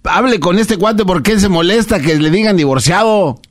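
A man's voice: high voice, moderate pace. A man, co-hosting radio comedy banter as the polite straight man who laughs a lot. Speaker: radio co-host.

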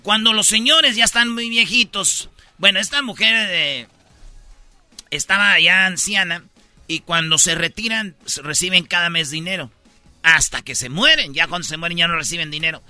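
Mexican guy hosting radio, super bright high voice, dry close sound. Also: normal speed, no echo, faint music behind. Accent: Mexican Spanish. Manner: jokey storyteller, slangy. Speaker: radio show host. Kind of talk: casual comedic radio chat.

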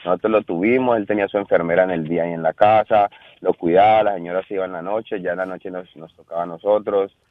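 A man's voice: low-pitched, quick pace, no room sound. Storytelling man, lo-fi sound. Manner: storytelling, animated, repeats himself when worked up. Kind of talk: casual group chat.

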